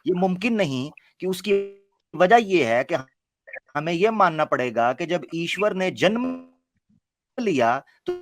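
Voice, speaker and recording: A man's voice: sits high, big pitch swings, takes it slowly. A man calling into a live religious debate and earnestly explaining his point, while his voice breaks up and cuts out over the connection. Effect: voice breaking up, choppy connection. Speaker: call-in debater. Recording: choppy online call audio.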